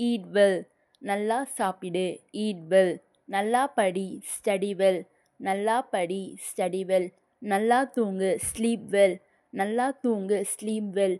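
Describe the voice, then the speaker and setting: A young woman, teaching simple English phrases slowly and clearly, saying each one twice. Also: medium pitch, fairly even intonation, mellow. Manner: slow, deliberate, repeats each phrase twice. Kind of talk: slow language lesson with repeated phrases.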